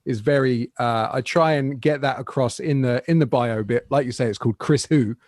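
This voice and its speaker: A guitarist in his forties from England chats easily and makes fun of himself as a podcast guest. His voice sits at a middle pitch. The recording is dry and close, with no room sound. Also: moderate pace, darkish tone, dry recording. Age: 40s. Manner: self-deprecating, chatty, laughs often. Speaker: guitarist and interviewee. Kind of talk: casual podcast chat.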